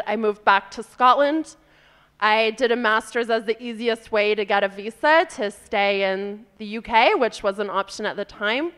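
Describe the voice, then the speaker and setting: American woman, 30s, event guest, clean resonant tone, slightly high pitch, conversational personal storytelling. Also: a bit bright, clear, resonant tone. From California, United States.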